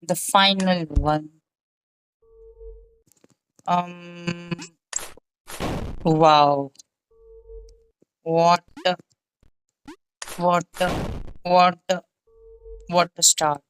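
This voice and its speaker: Young woman, gameplay commentary, slow drawn-out talk, low-ish voice, muttering and exasperated. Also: steady tone, slight background noise, low-quality recording. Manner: thinks aloud, muttering and exasperated. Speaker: gaming channel host.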